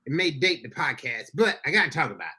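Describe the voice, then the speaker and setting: A man's voice: fairly high pitch, expressive, quick pace, sharp tone, breathy edge. A man, a pastor, hosting a casual podcast chat in an upbeat, folksy way, talking to listeners as y'all. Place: Florida.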